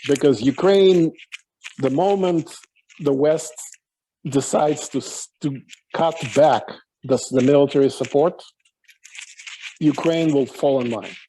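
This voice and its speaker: Brief: man from the former Soviet Union, higher pitch, mellow tone, stammering opinionated panelist on a call. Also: slow, pauses often, a little hiss or hum, rough recording. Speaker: discussion participant. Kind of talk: casual panel discussion. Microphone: video call.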